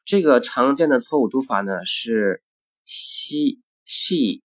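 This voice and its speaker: A man's voice: mid-range voice, lively intonation, normal speed, dry recording. A man teaching English pronunciation, speaking carefully and saying each word twice as a model. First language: Chinese. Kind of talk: recorded phonetics lesson.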